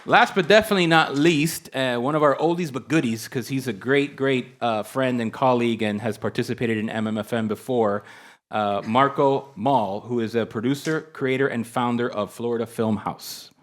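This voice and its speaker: A man's voice: medium pitch, moderate pace, noisy background. Upbeat man moderating a panel. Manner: upbeat, joking introductions. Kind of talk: conference panel hosting. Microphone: shared handheld mic.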